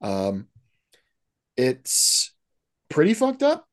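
A man's voice: medium pitch, huge pitch swings, drawn-out words. A man co-hosting a casual movie podcast, talking with enthusiasm and frequent restarts. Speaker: podcast co-host. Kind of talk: casual movie recap chat.

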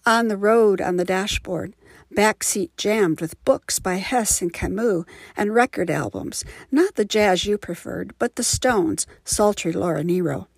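A woman introducing and reciting her own poem in a measured, heartfelt way. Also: medium pitch, gravelly, husky, no echo. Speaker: poet. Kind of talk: poetry reading.

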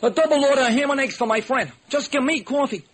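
An actor playing a friendly street beggar in a 1940s radio drama, chummy and generous. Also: male voice, extremely high pitch, quick pace, a bit bright, pitched above the performer's own voice. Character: friendly fake blind male beggar.

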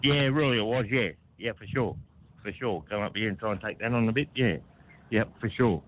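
Over a tinny phone line with clear noise, a harness racing horse trainer with an Australian accent is interviewed casually. His voice is fairly low, a bit bright, and quick, and he rambles laconically, often repeating himself.

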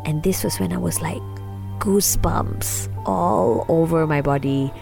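A young woman, hosting a storytelling podcast and telling a personal story in an animated, casual way. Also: sits low, a little slow, gravelly. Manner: animated, addresses listeners as guys. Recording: music playing behind.

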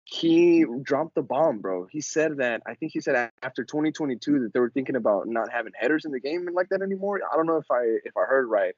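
A man's voice: mid-range voice, expressive, fast, hardly any pauses, no room sound. A man hosts a casual sports podcast in slangy frat-bro style. His mid-range voice is recorded very dry, with a slightly dull, lo-fi tone. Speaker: podcast host.

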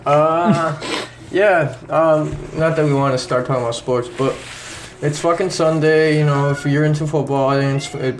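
Joking young man co-hosting a podcast. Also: medium pitch. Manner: joking, swearing, rambling. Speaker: podcast co-host. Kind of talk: casual podcast chat.

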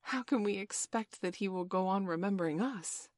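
A woman's voice: medium pitch, normal speed, no echo, studio quality, close to an everyday voice. A woman reading an earnest worried girl, Wendy.

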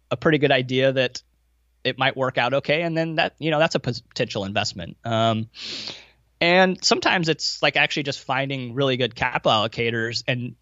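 An American man with a medium-pitched, slightly bright voice answers interview questions as a podcast guest who runs a value investing fund. He's casual, informal and anecdotal, with some self-deprecation. The audio has no echo, but the highs are cut off.

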